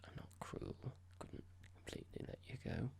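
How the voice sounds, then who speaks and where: A performer whispers as a cold, smug corporate boss in ASMR roleplay, slow and deliberate, breathy and creaky, feigning politeness. The tone is somewhat dark and the acting light, with a cold, formal mood.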